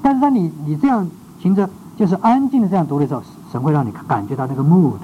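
A man's voice: on the high side, animated, fast. A man teaching a devotional class as a Bible teacher, full of "ah" fillers and rhetorical checks, dropping English words into his speech. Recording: dull lo-fi recording with faint background noise.

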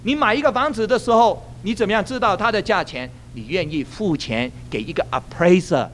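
Lively, animated male pastor preaching. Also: high-pitched, brisk, slight background noise. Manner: animated storytelling, laughs at his own jokes. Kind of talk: sermon with a retold story.

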